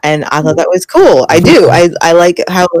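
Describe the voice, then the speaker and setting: A woman co-hosting a casual chat show, animated and quick to laugh as she argues her view. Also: lowish voice, dry recording. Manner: animated, laughs often, mimics reactions. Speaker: podcast co-host.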